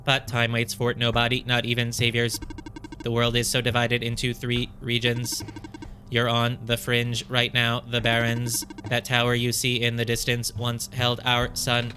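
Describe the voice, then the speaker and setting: A man's voice: mid-range voice, monotone, a little slow, bright, forceful tone, soft background music. A man voicing a polite, formal robot guide while reading game dialogue aloud in a let's play, with a stiff, stately delivery. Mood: solemn.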